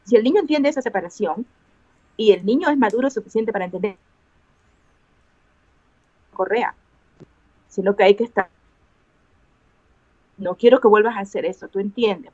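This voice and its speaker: A woman's voice: medium pitch, a little fast, pauses often, mellow, dry recording. A woman educator answering interview questions over a video call, earnest, repeating key words and acting out the things she says to children. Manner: acts out quoted dialogue with children. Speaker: guest educator and teacher. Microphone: remote video call. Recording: dull lo-fi call audio.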